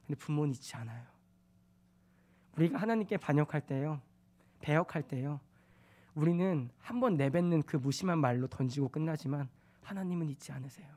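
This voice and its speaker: A young man delivers a sermon in a notably high voice. He reads scripture loudly and forcefully, then drops to soft, confiding tones as he acts out tender words. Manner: swings from loud scripture reading to soft, hushed confiding; acts out his own angry and tender words in quotes. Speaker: preacher.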